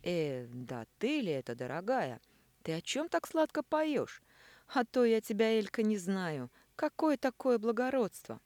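A woman's voice: mid-range voice, big pitch swings, no echo, pitched above the performer's own voice. A woman voicing a brash, boozy middle-aged man who sneers and flares into anger, reading an audiobook. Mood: angry. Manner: sneering, loud, quick to anger.

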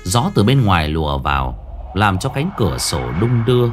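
A man's voice: low voice, sing-song, normal speed, background noise. A man narrating a ghost story with suspenseful, dramatic pacing.

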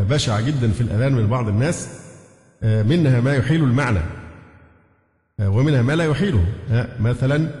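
A man's voice: medium pitch, a little mellow. A man with an Egyptian accent teaching a lesson on a jurisprudence text. He mixes formal Arabic with colloquial asides, puts questions to his students and chants short phrases to show them. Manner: demonstrates chanted call-to-prayer phrases. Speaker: sheikh teaching a fiqh book. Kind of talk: classroom lesson explaining a text. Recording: echoey hall with long reverb.

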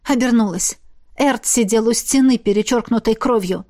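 A woman reads a fantasy novel aloud in a steady, expressive narration. Her voice sits a little high for a woman and carries the story evenly. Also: moderate pace. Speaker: audiobook narrator.

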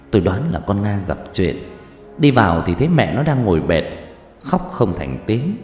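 A man tells a first-person ghost story, his pitch rising and falling freely. His voice carries a roomy, lingering echo with soft music playing underneath. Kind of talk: horror story narration. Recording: roomy reverb with music behind.

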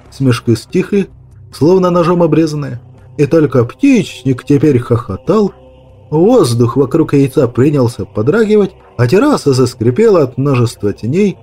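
A man narrating an audiobook with dramatic, lively storytelling. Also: on the high side, slightly rough. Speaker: audiobook reader.

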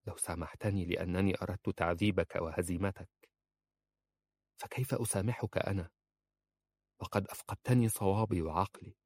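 A man voicing an anguished, passionate young wife, quietly intense and pained. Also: deep voice, fairly even intonation, brisk, long pauses.

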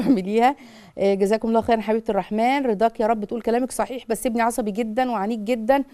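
A middle-aged woman with an Egyptian Arabic accent, hosting a live call-in parenting advice show and acting out mothers' words as she talks. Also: on the high side. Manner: rapid, animated, acts out mothers' words.

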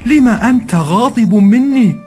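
A man's voice: extremely high pitch, expressive, a little slow, a little mellow, voice pushed up. A man voicing a cheeky young farmhand who feigns innocence with sly questions. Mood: sly innocent. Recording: background music.

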